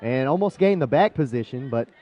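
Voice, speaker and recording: A man's voice: mid-range voice, animated, a little fast, mellow, dull audio. A man calling a live cage fight as play-by-play sports commentator.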